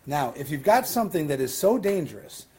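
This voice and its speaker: A man's voice: on the high side, sing-song, a little fast, a little mellow, slight background noise. A man with a Western New York accent teaching a Talmud class as rabbi, explaining in a conversational way with questions and asides. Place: synagogue classroom.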